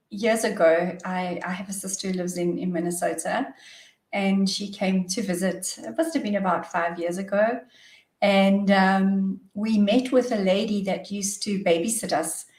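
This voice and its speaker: A woman's voice: medium pitch, steady tone, a little slow, a little mellow, recorded from a distance. A middle-aged South African woman speaks as a podcast guest, recalling her past in a cheerful voice that often breaks into laughter. Her voice rings out in an echoey room. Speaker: guest, wellness coach. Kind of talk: podcast interview.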